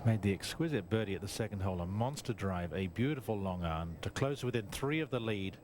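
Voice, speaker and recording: A man's voice: fairly low pitch, expressive, fast talker. A man giving golf commentary on a television broadcast, reporting on a player's round. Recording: noisy outdoor broadcast on VHS tape.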